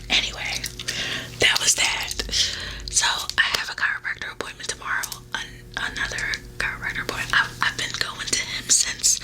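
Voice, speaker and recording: A woman's voice: normal speed, low-quality recording. A woman whispering a casual, confiding ASMR storytime in an informal, chatty way while chewing gum. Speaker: ASMR video creator.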